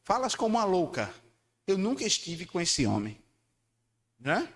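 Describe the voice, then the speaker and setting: Male pastor, higher voice, emphatic sermon, echoing church hall. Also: wildly swooping pitch, measured pace. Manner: emphatic, calls for congregation responses; swings between loud high declarations and low quiet lines. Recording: long church hall reverb.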